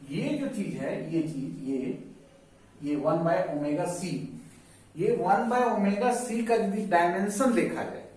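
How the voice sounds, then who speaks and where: High-voiced man lecturing in an echoey room. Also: darkish tone, recorded from a distance. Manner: repeats key terms and quizzes students. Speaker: physics teacher. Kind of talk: whiteboard lecture.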